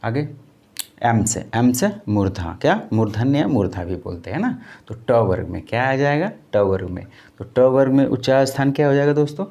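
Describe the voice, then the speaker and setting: Mellow-voiced male teacher drilling terms. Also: mid-range voice, very animated, moderate pace, vocal fry. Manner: repeats key terms back as questions to students; drills by call and answer, addressing viewers as friends. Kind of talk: exam-prep lecture.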